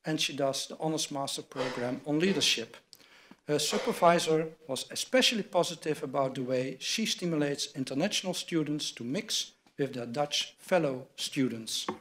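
An older man presenting awards at a university ceremony reads formal citations from notes at a lectern microphone in a large wood-panelled hall. His voice is on the high side, expressive and fairly bright, and his delivery is measured and scripted. A little hiss or hum is present.

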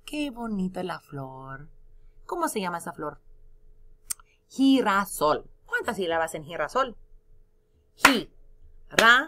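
A woman's voice: lowish voice, big pitch swings, measured pace, long pauses, a bit bright, a little hiss or hum. A woman teaching a recorded lesson, spelling words out letter by letter, stretching syllables and praising her students between prompts.

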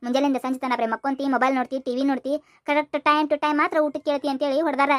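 Cartoon boy, North Karnataka accent, high squeaky and fast, dry close sound, a voice actor playing him. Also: little pitch movement, no room sound, natural voice. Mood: sulky. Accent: North Karnataka Kannada. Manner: quick, high and squeaky, bickering. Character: cheeky lazy village boy, always hungry. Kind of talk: cartoon voice acting.

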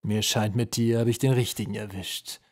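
Ein Mann spielt drohenden Kobold-General. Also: male voice, on the low side, steady tone, darkish tone, no echo, clean studio sound, close to an everyday voice. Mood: menacing. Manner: harsh, threatening, slow and relishing. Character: cruel, menacing goblin general interrogator.

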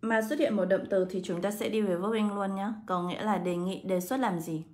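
A woman English teacher, walking students through exam answers step by step and slowing down to read English words aloud. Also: medium pitch, steady tone, darkish tone. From Vietnam. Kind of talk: exam answer walkthrough lesson.

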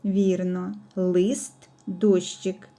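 A woman teaching a speech development lesson for young children, speaking slowly and clearly with careful enunciation. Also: lowish voice, little pitch movement, mellow. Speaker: preschool teacher.

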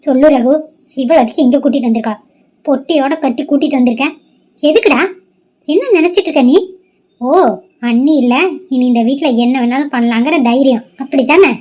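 A woman voicing a jealous, sharp-tongued young woman in a cartoon, scolding in rapid, combative bursts. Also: high-pitched, highs cut off. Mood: angry, scornful.

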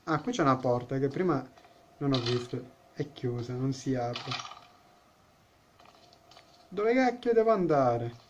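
A man's voice: medium pitch, expressive, unhurried, pauses often, a little hiss or hum. A man giving let's-play commentary on a horror game as a gaming YouTuber, joking, chatting with the game characters and blurting out startled exclamations.

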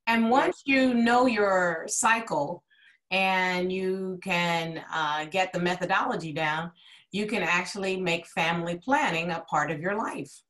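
A woman's voice: on the low side, measured pace, a bit bright. A woman hosting an interview over a video call, polished and gracious, asking questions with emphasis. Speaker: talk show host, interviewer.

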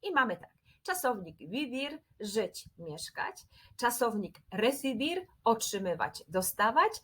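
Husky woman teaching with a lively voice. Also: fairly high pitch, slow pace. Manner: clear, methodical, repeats patterns. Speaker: Spanish teacher. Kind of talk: scripted grammar lesson.

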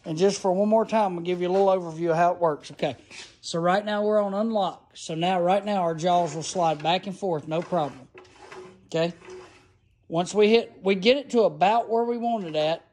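Shot on a phone held in hand, this tool review starts in a gravel yard outdoors and moves into a garage. The man speaks at a moderate pace in a high-pitched, darkish voice, enthusiastic and folksy, rambling through his explanations.

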